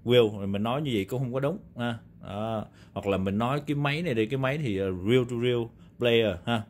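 Fairly quick and mid-range in pitch, a male video host with a Southern Vietnamese accent chats casually about vintage audio equipment he's showing on a table indoors. The product talk is unscripted and meandering, peppered with repeated tags seeking agreement.

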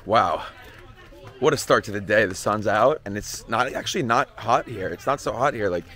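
A man's voice: fairly low pitch, a bit bright. Laid-back young man vlogging outdoors. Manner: laid-back, chatty, laughs easily. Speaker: travel vlogger. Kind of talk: casual travel vlog. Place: outdoors at a beach campsite. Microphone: handheld camera at arm's length.

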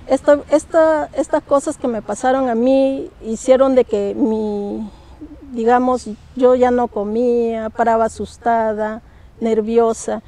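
A woman's voice: a little high, warm tone. A middle-aged woman telling a personal ghost story, emotional and hesitant, often repeating her words. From Peru. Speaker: guest storyteller. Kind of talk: personal paranormal testimony.

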